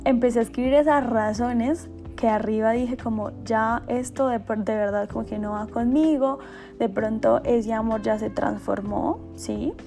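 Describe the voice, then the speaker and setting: A woman host speaking in a soothing, unhurried way as she shares self-help guidance. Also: a little high, steady tone, creaky, dark tone, soft background music. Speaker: host sharing personal self-help exercises. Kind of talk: soft, slow guided meditation.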